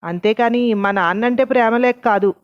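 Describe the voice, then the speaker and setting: A woman's voice: on the high side, brisk, smooth, close to an everyday voice. A woman voicing a young woman who reproaches her boyfriend with doubt in a read-aloud story. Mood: reproachful. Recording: dull lo-fi recording.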